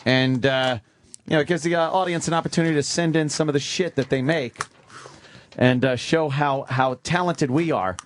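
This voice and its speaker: A man's voice: a little high, moderate pace, slight background noise. A male radio host in casual on-air chat, profane and wisecracking. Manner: profane, wisecracking, with many fillers.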